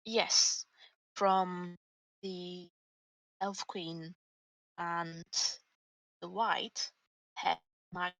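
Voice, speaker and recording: A woman playing a tabletop game, talking in a halting, hesitant way as her online call keeps cutting out. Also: fairly low pitch, little pitch movement, gravelly, a bit bright, no echo, rough recording. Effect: voice cutting out over a dropping online call. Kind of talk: online tabletop roleplay chat.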